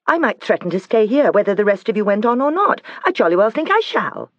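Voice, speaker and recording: A man's voice: high voice, big pitch swings, brisk, a bit bright, no room sound, muffled recording, pitched above the performer's own voice. A man voicing a peevish, sulky young girl. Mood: petulant. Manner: petulant.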